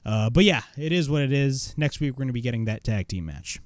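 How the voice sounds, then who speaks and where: A man's voice: mid-range voice, lively intonation, fairly quick, no room sound, clean studio sound. A man reviewing a wrestling show in casual commentary, blunt, opinionated and swearing freely.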